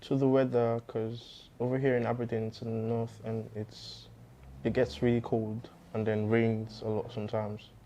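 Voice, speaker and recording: Brief: young male engineering student from Nigeria, steady mellow voice, light guitar under. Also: mid-range voice, normal speed. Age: young adult. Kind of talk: documentary interview answers.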